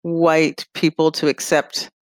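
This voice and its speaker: Woman host asking questions, calm and curious, dry close mic. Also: low-pitched, no room sound. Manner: measured, inquisitive questioning. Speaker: podcast host. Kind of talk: podcast interview.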